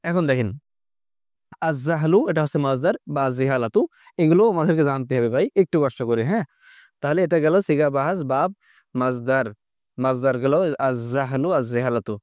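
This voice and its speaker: A man's voice: medium pitch, normal speed, a little mellow, no echo, clean studio sound. A man with a Bangladeshi Bengali accent teaching an online Arabic grammar lesson. He keeps asking questions and coaxes the students to answer.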